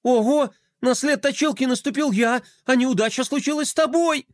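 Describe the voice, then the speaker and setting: A man's voice: high voice, fairly quick, no room sound, studio quality, voice pushed up, natural voice. A man voicing a superstitious, jittery young boy in a children's story, who talks in an anxious, panicky way.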